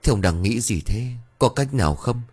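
A man's voice: lowish voice, expressive, moderate pace, a little mellow, breathy edge, faint music behind. A man voicing an anxious, tearful old village wife who pleads fretfully.

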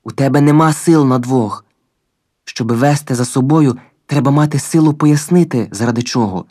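A man voicing a stern, ghostly male guide with a dry, rough voice who talks calmly and insistently, in an audiobook reading. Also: mid-range voice, moderate pace, dry recording, natural voice. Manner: calm, insistent, repeats himself.

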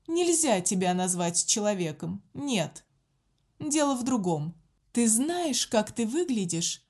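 A woman's voice: on the high side, a little mellow, pitched above the performer's own voice. A woman voicing a cruel sorcerer disguised as a nun, speaking in a cold, mocking way.

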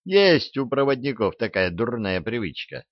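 A male narrator voicing a sly, quick-witted swindler who talks in a wry, needling way, in a dull, dry recording. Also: medium pitch, very animated, dry recording. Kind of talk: audiobook character voice.

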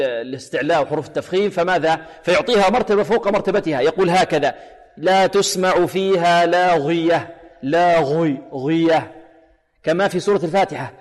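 A man teaching Quran recitation on a radio program. He explains the rules and then recites example phrases slowly, drawing out the syllables. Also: fairly high pitch, big-room sound. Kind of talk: tajweed lesson on an online radio program.

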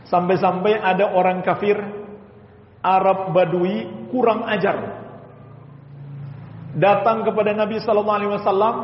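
Male preacher, high-pitched, animated, addressing the congregation directly; muffled recording in a reverberant mosque. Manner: animated preaching, swings between high emphatic and low explanatory tones; addresses the congregation directly, frequent affirming "iya". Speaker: Islamic preacher. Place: mosque hall. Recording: echoey hall, dull lo-fi sound.

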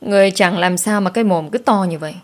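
A woman voicing a brash older village woman who talks loudly and mockingly. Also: medium pitch, fast talker, lightly acted. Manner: loud, mocking.

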